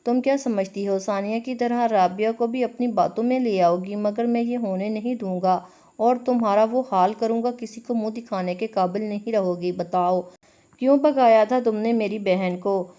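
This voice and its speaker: A woman's voice: medium pitch, moderate pace, dark tone, natural voice. A woman voicing a rude, domineering young husband in a read-aloud romance story, speaking in threats and commands. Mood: harsh.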